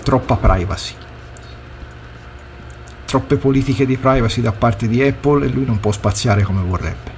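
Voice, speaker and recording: A man's voice: mid-range voice, unhurried, pauses often, darkish tone. Male Italian panelist, mid-range voice, informal live chat, noisy ambient recording. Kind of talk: casual live commentary with friends. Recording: clear background noise and ambience.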